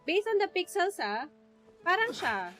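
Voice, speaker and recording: A woman with a Filipino accent and an extremely high, slightly bright voice chats casually on a game livestream, very animated yet measured in pace, mixing English and Tagalog. Video game music plays behind her.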